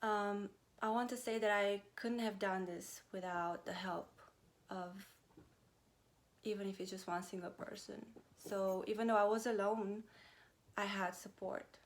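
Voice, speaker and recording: A woman in her thirties, originally from Romania, talking to her viewers in a casual personal vlog, pausing often with fillers. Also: mid-range voice, level tone. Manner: hesitant, many pauses and fillers. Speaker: vlogger. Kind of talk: casual personal talk to camera.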